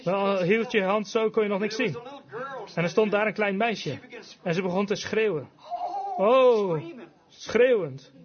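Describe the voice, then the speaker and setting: A man preaching a fervent revival sermon, emphatic, switching between quick bursts and slow, drawn-out phrases. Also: sits high, a crowd in the background. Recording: dull lo-fi recording with congregation audible.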